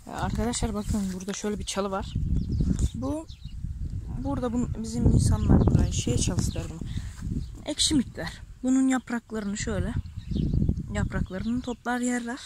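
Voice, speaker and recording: A woman's voice: fairly high pitch, normal speed, very noisy. A woman vlogging her village life outdoors while grazing sheep, talking casually and tenderly about the plants and animals around her. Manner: chatty, tender and pitying toward animals. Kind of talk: casual outdoor vlog narration. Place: outdoors on a hillside pasture.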